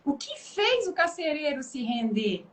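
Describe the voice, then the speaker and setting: A woman's voice: high-pitched, unhurried, poor audio. A woman pastor with a Brazilian Portuguese accent, giving an emphatic testimony and preaching in a live conversation. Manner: emphatic, dramatic testimony with lively quoted voices. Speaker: pastor and guest.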